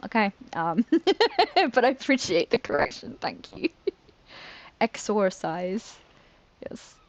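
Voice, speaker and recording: A woman's voice: on the high side, wildly swooping pitch, a little slow, dull audio. A British woman streaming a game, chatting casually, giggling and poking fun at herself as she trips over words. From Britain. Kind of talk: casual live-stream chat while playing.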